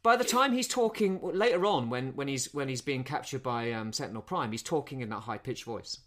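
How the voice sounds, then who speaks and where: A man with a medium-pitched, fairly bright voice speaks briskly with lively intonation. As a podcast co-host in a casual film review chat, he rambles through a movie's plot and keeps restarting his sentences.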